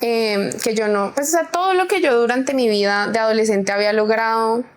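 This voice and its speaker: A young adult woman, guest on an interview, telling a personal story in an animated way and acting out what others said. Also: fairly high pitch, a little fast. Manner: animated, acts out quoted voices. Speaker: guest, cultural curator.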